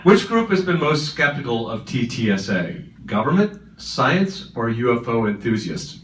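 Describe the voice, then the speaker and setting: A man's voice: medium pitch, big pitch swings, fairly bright tone. A man moderating a conference Q&A, reading out questions in a lighthearted manner. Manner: lighthearted, quick to laugh. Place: conference hall. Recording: echoey hall from far off, faint noise.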